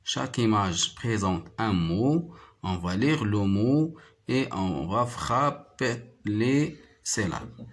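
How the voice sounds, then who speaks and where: A man with a Moroccan accent, whose first language is Arabic, teaching a primary French lesson and slowly repeating each word and syllable. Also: on the low side, expressive. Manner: slow, deliberate, repeats words and syllables. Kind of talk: slow classroom explanation.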